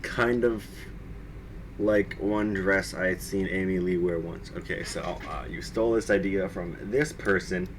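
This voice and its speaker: Guy on a live stream reading bad fanfic out loud, keeps cracking up and cursing, low hiss in the back. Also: fairly even intonation, measured pace. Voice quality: laughs often, swears, mocking asides. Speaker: streamer reading fan fiction aloud. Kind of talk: casual comedic dramatic reading.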